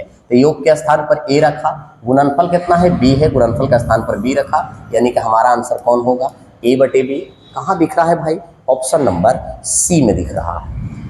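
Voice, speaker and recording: Lively man teaching math, echoey. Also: fairly high pitch, slight background noise. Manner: talks through sums aloud in a sing-song counting patter. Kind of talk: exam-prep math lesson. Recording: echoey room with long reverb.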